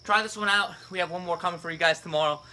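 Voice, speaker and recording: A man's voice: high-pitched, racing, pushed and bright, slight background noise. A man giving a casual fitness lesson, explaining step by step and checking in with "right?" and "okay?". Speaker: fitness coach. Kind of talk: casual instructional video.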